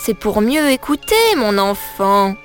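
A woman doing a sly, slow big bad wolf. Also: medium pitch, sing-song, soft background music. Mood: menacing.

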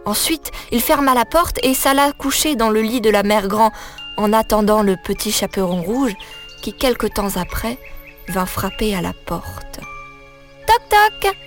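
A woman reading a fairy tale aloud as a storyteller, in a measured and expressive way. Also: mid-range voice, faint music behind.

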